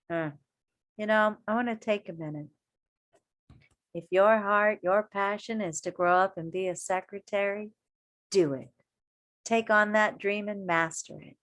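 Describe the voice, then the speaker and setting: A woman reads a children's story aloud the way an elementary teacher would, expressive and deliberate, with a medium-pitched voice. She stops now and then to ask the young listeners questions and offer them encouragement.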